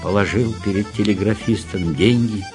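A male actor narrating a radio literary reading in a measured, expressive way. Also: lowish voice, music in the background. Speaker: actor, reader.

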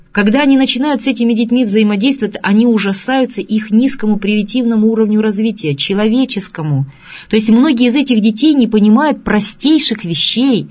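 A woman's voice: medium pitch, a little mellow. A woman speaking to radio listeners as an expert, earnest and lecturing, asking many rhetorical questions. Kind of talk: radio talk on child psychology.

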